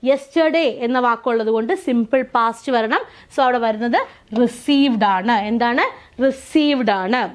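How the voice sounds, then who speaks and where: A woman teaching an exam-prep lesson, going step by step and asking the class questions. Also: high-pitched.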